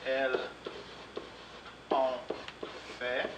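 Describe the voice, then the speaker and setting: Slow-talking Québécois man teaching French. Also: medium pitch, level tone. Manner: slow, deliberate, repeats words and spells them out. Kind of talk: slow classroom lesson. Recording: echoey room, voice from far off, clear background noise.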